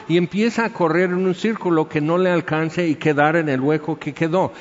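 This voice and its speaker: A man preaching a sermon, telling stories in a lively way and acting out little scenes as he goes. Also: on the high side. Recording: echoey hall, dull sound.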